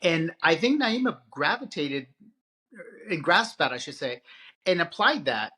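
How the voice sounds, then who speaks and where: A man's voice: fairly high pitch, big pitch swings, unhurried, pushed and bright. A middle-aged man co-hosting a podcast, talking in a thoughtful, hesitant way with many restarts. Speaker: podcast co-host. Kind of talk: casual chat.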